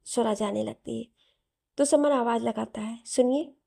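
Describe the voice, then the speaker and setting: A woman storyteller narrating a romance story in a steady, plain way. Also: on the high side, measured pace, creaky, no echo, clean studio sound.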